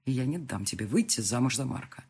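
A man doing a domineering, mocking seducer in an audiobook, with a husky, low voice that drops into slow, menacing lines. He swings his pitch widely to taunt and threaten, and the voice carries a raspy edge throughout. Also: lively intonation, a little mellow. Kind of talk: audiobook dialogue reading.

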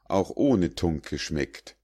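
A man voicing a huge, mocking male giant who speaks slowly and with relish. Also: low-pitched, big pitch swings, warm tone, breathy edge, heavily acted.

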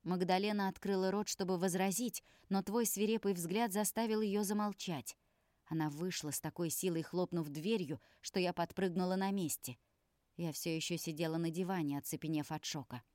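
Female audiobook narrator, low and measured, somber first-person read, dry booth sound. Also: a little mellow, dry recording.

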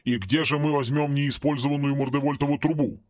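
A man's voice: a little high, steady tone, a little fast, dry recording, clean studio sound, close to an everyday voice. A man reading an audiobook and voicing an exasperated, sarcastic male investigator who scolds everyone around him. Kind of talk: audiobook character voice.

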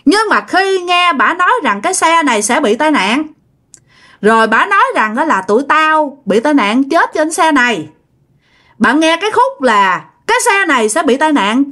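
A woman's voice: high voice, fairly bright tone. A woman with a Southern Vietnamese accent telling a ghost story vividly and dramatically, speaking straight to her listeners.

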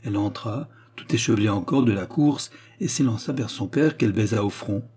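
Warm, husky male audiobook narrator. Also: on the low side, fairly quick. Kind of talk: scripted narration of a novel.

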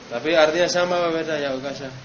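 A man's voice: on the high side, steady tone, racing. Guy teaching arabic grammar to a class, quizzes students, dull hissy recording. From Indonesia. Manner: questioning students, stressing drill words. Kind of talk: classroom lesson.

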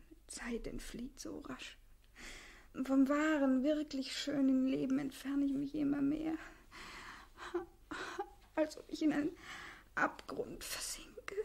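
A woman's voice: high-pitched, creaky. An actress playing a tearful, despairing young woman of twenty-four in a 1960s radio drama, often whispering. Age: 20s.

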